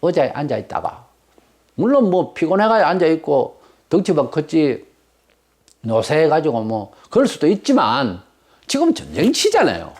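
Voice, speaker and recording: Male pastor, sermon delivery, blunt and forceful, with an extremely lively melody. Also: on the high side, moderate pace. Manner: emphatic, blunt, rhetorical questions.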